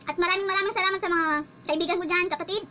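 A chatty woman vlogger telling a story about her job as a driver, laughing as she goes. Her voice is very high and bright, and she talks quickly. A faint room ambience hums behind her. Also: steady tone, slight background noise. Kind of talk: casual storytelling vlog.

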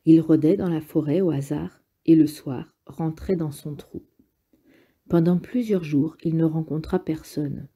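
A woman with a husky voice reading a novel aloud in calm, measured audiobook narration. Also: low voice. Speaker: audiobook reader.

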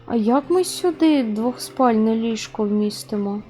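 A woman's voice: fairly high pitch, animated, unhurried, dark tone, soft background music. A woman giving casual gameplay commentary, chatting straight to her viewers as she plays. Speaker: gaming video host.

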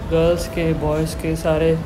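A man's voice: a little high, completely flat delivery, normal speed. A young man from India giving a casual walking tour as a vlogger, chatting like a tour guide while filming on his phone in a metro and a mall. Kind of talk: casual walking vlog narration. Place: metro and shopping mall, indoors. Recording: noisy phone recording on the move.

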